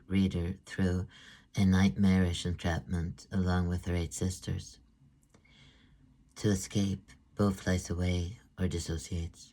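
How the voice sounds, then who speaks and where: Presenting his own book by reading from it, a middle-aged man from Sweden speaks in a steady, measured way. His voice is low and dark, mellow in tone, with little movement in pitch.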